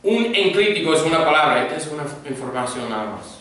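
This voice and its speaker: A man's voice: on the high side, sing-song, fast talker, fairly bright tone. A man, a pastor, teaching a grammar class. He is patient, checks that students follow, and has them repeat words after him. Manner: patient, checks understanding, drills repetition. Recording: echoey room, voice from far off, faint noise.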